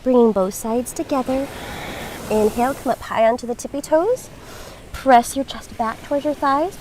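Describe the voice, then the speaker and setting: Woman, yoga instructor, high-pitched voice, encouraging and reassuring, measured class cues, faint ambient noise. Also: darkish tone, poor audio.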